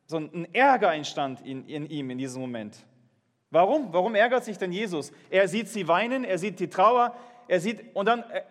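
A man's voice: sits high, big-room sound. A man preaching a sermon, reading Bible verses and putting earnest questions to his congregation. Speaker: pastor.

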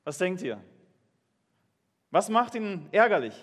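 A man's voice: high voice, big pitch swings, slow, a bit bright, long reverb tail. A man preaching a sermon, reading Bible verses and putting earnest questions to his congregation. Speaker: pastor.

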